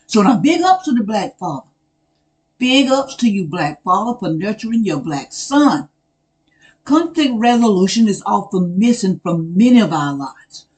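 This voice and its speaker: A man giving casual spoken commentary. He talks in an earnest, measured way, keeps asking rhetorical questions, repeats phrases for emphasis and addresses people directly. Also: high-pitched, darkish tone, poor audio. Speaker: video commentator.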